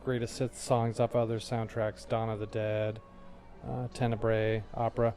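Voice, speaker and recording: A man's voice: lowish voice, little pitch movement, normal speed, warm tone, soft background music. A man in his forties co-hosting a podcast in casual chat, laid-back and trailing off with fillers. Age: 40s. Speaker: podcast co-host.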